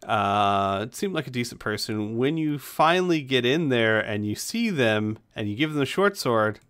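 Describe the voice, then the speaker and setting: A man's voice: medium pitch, expressive, normal speed, a bit bright, clean tone. A man acting as game master, narrating a tabletop game and chatting casually with the players.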